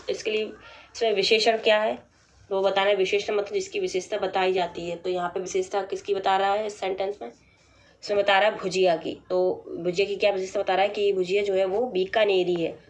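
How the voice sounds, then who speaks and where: A woman teacher going through a practice test, reading out each option and then explaining the right answer in a plain, measured way. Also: mid-range voice, a little mellow. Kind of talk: exam practice lesson.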